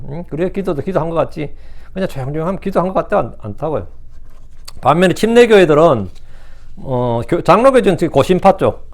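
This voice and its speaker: A man's voice: on the high side, darkish tone. A male pastor giving a sermon in a conversational way, often checking in with the congregation and rising into impassioned scripture reading. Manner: conversational preaching with frequent rhetorical "응?" asides.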